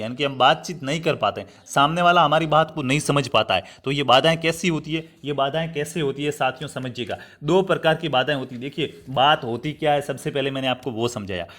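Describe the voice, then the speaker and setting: Calling his students friends, a young Rajasthani man from India teaches an online exam-prep class in a repetitive, explanatory manner, going step by step and often checking in. His voice sits on the high side and sounds fairly bright.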